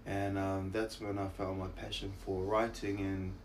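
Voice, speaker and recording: A man's voice: sits low, little pitch movement, a little slow, slight background noise. A man around his thirties with a broad New Zealand accent, chatting casually as an interview guest in a laid-back, slangy, self-deprecating way. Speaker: interview guest, actor and musician. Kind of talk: casual chat, anecdotes.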